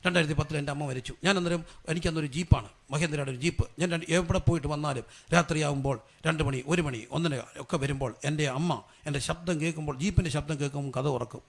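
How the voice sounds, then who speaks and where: A middle-aged male pastor preaching a sermon, firing rhetorical questions at the congregation for them to answer and building to loud, fervent prayer. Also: on the high side, fast, gravelly, few pauses.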